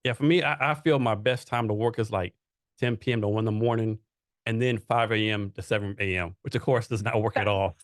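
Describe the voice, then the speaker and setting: A man's voice: fairly low pitch, fairly even intonation, brisk, no echo. Rambling male podcast host, dry sound. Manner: loose, rambling questions with frequent "right?" and "like". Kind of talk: casual interview chat.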